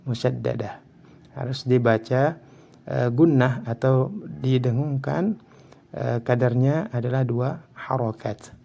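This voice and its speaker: A man's voice: mid-range voice, vocal fry, warm tone, muffled recording. A man with an Indonesian accent teaching Quran recitation rules, explaining each rule and then reciting examples drawn out. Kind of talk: tajwid lesson with recited examples.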